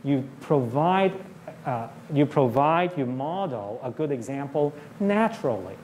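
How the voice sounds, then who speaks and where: A man's voice: mid-range voice, lively intonation, a little slow, a little mellow, slight background noise. Man lecturing, checking in with "okay?". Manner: explains plainly, often checks in with "okay?". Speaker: professor giving a public lecture. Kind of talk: university public talk. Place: lecture hall.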